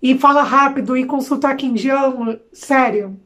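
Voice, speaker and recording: A young woman from Brazil chats to camera in a high, bright-pitched voice, with a Brazilian Portuguese accent. She is expressive and talkative, dropping slangy asides as she goes. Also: normal speed. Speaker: vlogger. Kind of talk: casual chat to camera.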